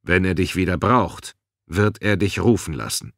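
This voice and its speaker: A man's voice: deep voice, lively intonation, moderate pace, gravelly, no room sound, clean studio sound. A man voicing a hulking, grim guard who gives curt, growled orders.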